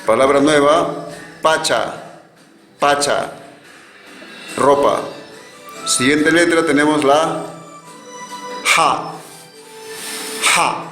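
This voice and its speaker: A man teaching a virtual language class, slowly repeating each word so learners can echo it. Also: fairly high pitch, a bit bright. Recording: echoey room with faint music.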